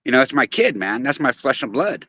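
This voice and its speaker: A man's voice: medium pitch, very animated, fairly quick, pushed and bright. A middle-aged man hosting a casual chat, speaking earnestly with many restarts. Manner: earnest, with frequent restarts and "you know" fillers. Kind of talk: casual chat on a live audio space.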